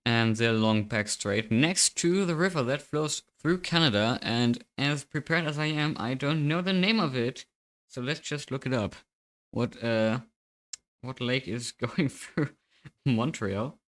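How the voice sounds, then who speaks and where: A man's voice: medium pitch, unhurried, fairly bright tone. A young man commentating a sim racing qualifying session on a live stream, chatty and self-mocking, thinking aloud into a desk microphone.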